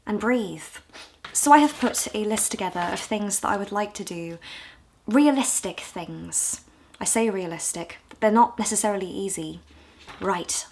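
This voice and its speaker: A woman from the UK in her twenties, talking candidly and with self-deprecating humor in a casual vlog, her voice a little hoarse. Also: medium pitch. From United Kingdom. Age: 20s. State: hoarse, low on voice. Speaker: vlogger.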